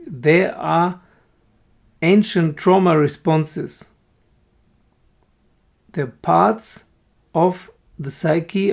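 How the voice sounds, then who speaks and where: A man giving a calm, measured spiritual lesson, pausing often and now and then swearing bluntly. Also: fairly high pitch, gravelly. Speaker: spiritual teacher. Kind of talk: reflective spoken lesson to camera.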